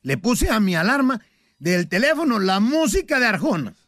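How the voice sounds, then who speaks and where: A man rattles off short radio jokes with punchy timing, his voice very high and sharply bright. The sound is dry and close, with faint music under him. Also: big pitch swings, moderate pace, no echo. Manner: punchy joke delivery, laughs at own jokes. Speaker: radio joke teller.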